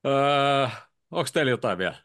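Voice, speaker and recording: A man's voice: medium pitch, expressive, fairly bright tone, clean tone, dry recording, clean studio sound. A man with a Finnish accent hosting a casual podcast chat and wrapping up the episode. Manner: wraps up the show, chatty. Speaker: podcast host.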